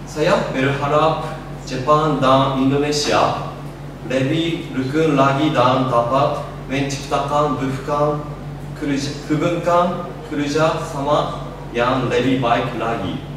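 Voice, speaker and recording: A young man with a Japanese accent reads out a student presentation slowly and haltingly, as a foreigner in a learned language. The sound is distant and swims in heavy room echo. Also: mid-range voice, fairly even intonation. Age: young adult. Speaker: exchange student giving a presentation. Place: echoey indoor room. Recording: echoey room, distant mic, noisy.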